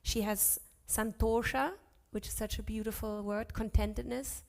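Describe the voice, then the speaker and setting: A woman's voice: a little high, fairly even intonation, vocal fry, a little mellow. Woman teaching Sanskrit verses. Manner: chants verses slowly, corrects herself aloud. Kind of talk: lecture on scripture with chanting. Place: ashram class.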